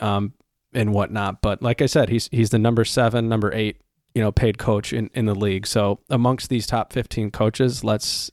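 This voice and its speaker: Man, lowish voice, podcast co-host, rambling stats talk, dry close mic. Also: a little mellow, no echo. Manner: rambling, stacks up stats with many fillers. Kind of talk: casual sports podcast chat.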